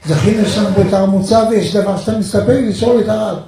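A man's voice: high-pitched, vocal fry, slight background noise. A man giving a religious talk, retelling stories of rabbis and acting out the people in them. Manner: animated storytelling, quotes others aloud. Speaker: religious speaker. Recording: very echoey room.

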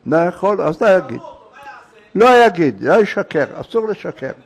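A man's voice: sits high, very animated, creaky. A man teaching a religious lesson, telling a story in short clipped phrases and prodding his listeners with questions.

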